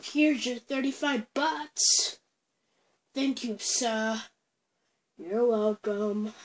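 A home toy play video where one storyteller improvises every character in a slow, halting, playful way. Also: medium pitch.

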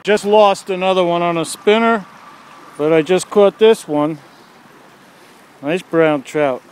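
A man's voice: high voice, slow pace, darkish tone. A man narrating his own fishing trip outdoors by a creek under a road bridge, talking casually into a handheld camera in a plainspoken play-by-play way. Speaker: fishing vlogger. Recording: outdoor camera audio with faint traffic hum. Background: faint traffic noise.

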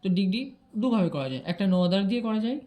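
Patient woman teaching grammar, mellow voice. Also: medium pitch, animated, rapid-fire. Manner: patient, checks in with "ঠিক আছে?", mixes English terms into Bengali. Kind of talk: explaining grammar rules step by step.

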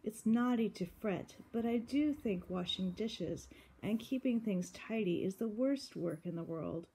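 A woman reading the part of a shy, gentle young girl from a storybook, in a plaintive manner. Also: mid-range voice, expressive, normal speed, slightly rough. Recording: noisy home recording with clicks.

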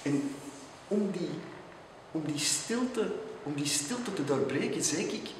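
A man with an Antwerp Flemish accent recites verse in a slow, theatrical way, drawing out his words and sinking into hushed tones. His voice sits a little high and is caught from a distance, with a big echo and a long reverb trail from the doorway of a theatre. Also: animated, a little hiss or hum. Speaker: poetry reciter. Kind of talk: dramatic poetry recital. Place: outdoors at a theatre entrance.

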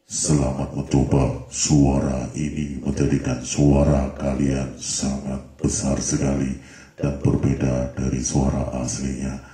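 A man speaking through a pitch shifter effect that makes his voice very deep, in a slow, flat delivery. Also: reverberant, soft background music. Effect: pitch shifter lowering the voice. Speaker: mixer demonstrator.

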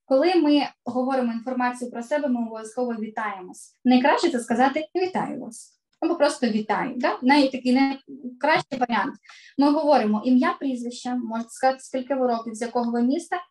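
A middle-aged woman, a voice coach, teaching children in an online lesson with clear, emphatic delivery that stresses key words. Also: high voice, fast, darkish tone.

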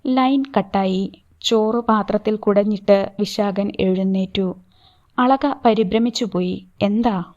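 A woman narrating a novel as an audiobook, with slow, even storytelling delivery. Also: mid-range voice, lo-fi sound. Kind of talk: novel reading.

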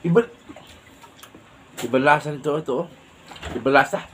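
A man's voice: fairly high pitch, moderate pace, noisy background. A man, chatting playfully with his mouth full of food during a casual eating vlog. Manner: playful, laughing often. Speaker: mukbang vlogger.

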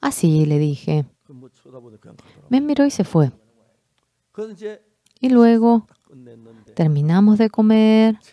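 A mellow, warm voice interprets a sermon live. The delivery is animated, and the quoted exchanges jump sharply in pitch. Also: slow, pauses often. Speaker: interpreter for a pastor.

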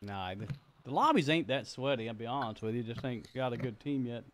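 A man's voice: mid-range voice, expressive, brisk. A male streamer chatting casually and joking with his friends while playing a shooter game. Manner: folksy, joking, greets friends warmly. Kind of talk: casual live-stream chat while gaming.

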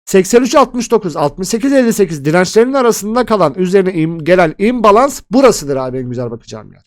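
A man rattles through his chart analysis at a quick clip, his voice sitting fairly high for a man. He is chatty and excitable, and he keeps talking straight to his viewers as if they were old friends. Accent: Turkish. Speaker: crypto analysis host. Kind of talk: casual chart analysis talk.

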